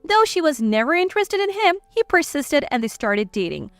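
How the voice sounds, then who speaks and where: High lively woman narrating a story. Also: normal speed, no echo. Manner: cool, blunt, scornful. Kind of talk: scripted first-person story narration. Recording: dry voice with faint music.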